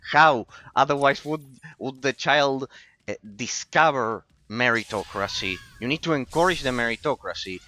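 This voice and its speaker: While streaming a game, this man from Argentina replies to chat and wanders into philosophical tangents, frequently repeating himself in casual commentary. He speaks at a moderate pace with a medium-pitched, sharp-toned voice.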